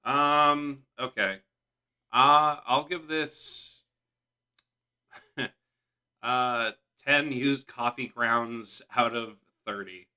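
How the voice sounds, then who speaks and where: Casting: young male co-host, very bright tone, relaxed and halting, quick to laugh. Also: mid-range voice. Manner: easygoing, hesitant, laughs often. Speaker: podcast co-host. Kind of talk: casual chat.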